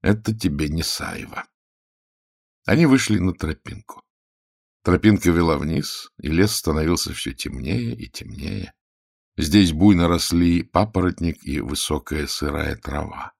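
Low-voiced man narrating an audiobook. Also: unhurried, creaky, slightly rough, no echo, studio quality.

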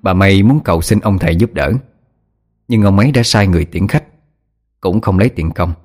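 Male audiobook narrator, fairly low voice, measured horror storytelling over soft music.

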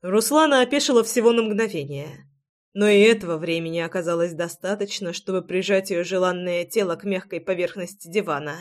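An audiobook narrator reading a modern romance novel in the first person, in a steady storytelling manner. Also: mid-range voice, a little fast.

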